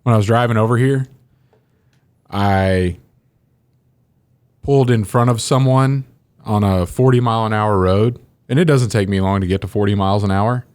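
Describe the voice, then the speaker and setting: Male co-host, casual chat, joking, lively storyteller. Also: lowish voice, normal speed, pauses often, clear, resonant tone. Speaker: podcast co-host.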